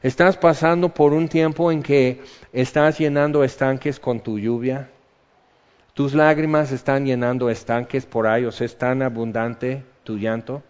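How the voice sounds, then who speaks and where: A man preaches a conversational sermon of Bible teaching, reading psalm verses aloud, in a dull, reverberant hall recording. His mid-range voice is clean and darkish, steady in tone and unhurried.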